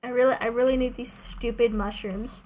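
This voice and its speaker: Over background game music, a woman streams a game and chats in a relaxed way in English, which isn't her first language. Her voice is a little high and a little mellow, brisk in pace and fairly even in intonation.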